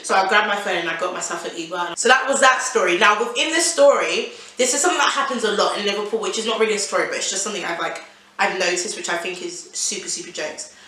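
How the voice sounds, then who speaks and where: A young woman vlogger telling a casual storytime, animated and exasperated, full of slang. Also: medium pitch, fast talker. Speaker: YouTuber. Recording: very echoey room, voice from a distance.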